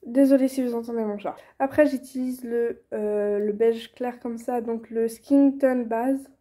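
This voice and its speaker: A young woman, chatting casually through a how-to tutorial, filling pauses with many hesitations and restarts. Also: on the high side, steady tone, warm tone. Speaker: vlogger teaching reborn doll painting.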